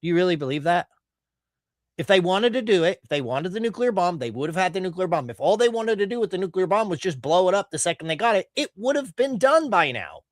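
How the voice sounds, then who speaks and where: High-voiced guy ranting on a stream, swears a lot, sarcastic, dry close sound. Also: sing-song, quick pace, no room sound. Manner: heated, profane, sarcastic. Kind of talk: ranting political commentary.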